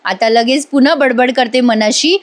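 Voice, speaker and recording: A woman narrates a TV serial episode recap in voice-over. Her voice is high and bright in pitch, and she talks in a chatty, amused way, turning to address her viewers. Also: moderate pace. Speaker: TV serial reviewer.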